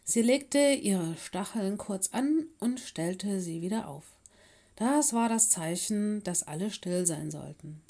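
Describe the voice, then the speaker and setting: Woman reading a kids' story aloud, slow and calm, middle pitch. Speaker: audiobook reader. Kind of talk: scripted narration.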